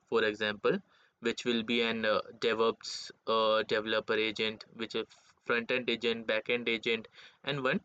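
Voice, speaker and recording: A man presenting a software demo as its developer, in halting, non-native English phrasing, on a dull, lo-fi microphone. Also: lowish voice, clear, resonant tone, dry recording.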